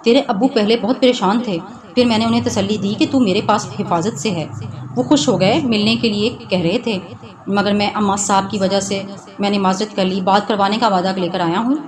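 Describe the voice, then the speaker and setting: A woman voicing a gruff, commanding young husband who gives curt orders. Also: mid-range voice, steady tone, a crowd in the background, lightly acted. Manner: curt, bossy. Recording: noisy background hiss.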